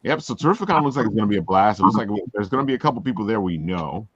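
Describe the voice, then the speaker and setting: Male host, Brooklyn accent, animated swings in pitch, casual chat, slightly dull audio. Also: very fast, breathy edge, no room sound. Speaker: host of a comics and convention talk show.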